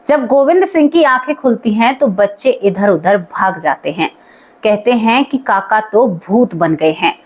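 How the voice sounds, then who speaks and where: A woman with a fairly high voice tells a spooky folk tale. She speaks casually and turns to her audience as friends while she recounts it. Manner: conversational, addresses listeners as friends. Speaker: storyteller. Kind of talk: spoken horror storytelling.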